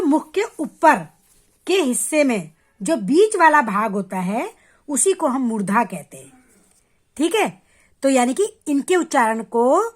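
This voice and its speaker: A woman teaching a grammar lesson to children, patient and step by step, addressing them directly and sounding out letters slowly to show how they are said. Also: high-pitched. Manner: repeats sounds slowly and clearly to demonstrate.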